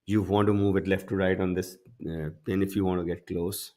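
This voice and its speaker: A man's voice: low voice, level tone, fairly quick, darkish tone. A man giving analysis as a golf commentator during live tournament coverage. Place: broadcast studio.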